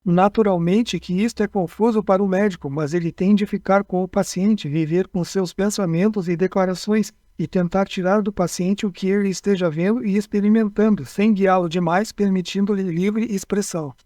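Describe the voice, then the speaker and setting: A man narrating a nonfiction book in an even reading voice. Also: sits high, moderate pace, hardly any pauses, no room sound, studio quality.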